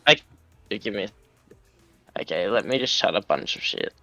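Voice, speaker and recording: A man talks in halting bits over a lagging voice call, his words stretching and dropping out. The call audio is dull and lo-fi, with faint music behind him. He sits at a fairly low pitch. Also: expressive, vocal fry, sharp tone, no echo. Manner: hesitant, halting. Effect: laggy voice chat audio, cutting out and stretched. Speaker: player. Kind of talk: casual online game chat. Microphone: online voice call.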